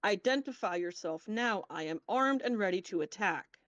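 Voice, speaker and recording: A low, gravelly, armed robot sentry played by a woman for a tabletop game. He is stern and wary, issuing formal commands in a close, dry sound. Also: expressive, normal speed, fairly bright tone, dry recording, highs cut off, close to an everyday voice. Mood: wary, demanding. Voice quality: deep, gravelly. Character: stern, armed, wary male Warforged soldier on guard.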